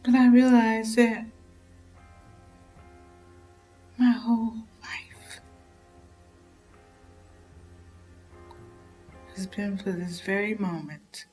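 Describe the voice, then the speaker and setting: An actress playing an anguished grown daughter in a dramatic monologue, confessing in hushed, halting, tragic sorrow. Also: female voice, mid-range voice, faint music behind, close to an everyday voice. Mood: sorrowful, hushed.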